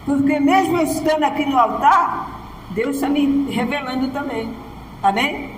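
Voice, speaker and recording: A woman pastor with a high voice and measured pace preaches a sermon from a church altar, her Brazilian Portuguese accent carried over a little hiss or hum. She preaches emphatically, often asking her congregation "Amém?", in an echoey church hall.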